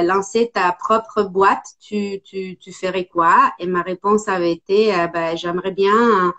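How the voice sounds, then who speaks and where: A woman's voice: mid-range voice, lo-fi sound. Italian-accented woman, hesitant guest. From Italy. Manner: hesitant, many pauses and fillers. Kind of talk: casual interview.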